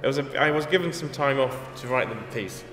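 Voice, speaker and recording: An English-accented composer gives a casual interview in an echoey gallery hall with music behind him. He talks fast in a medium-pitched voice against a noisy background, thoughtful and self-deprecating, often restarting his sentences.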